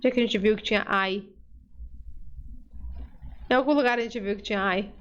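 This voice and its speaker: A woman's voice: medium pitch, fairly even intonation, moderate pace, muffled recording. A woman teaching a pronunciation lesson in a patient, step-by-step manner, often checking that the listener follows. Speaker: Spanish teacher.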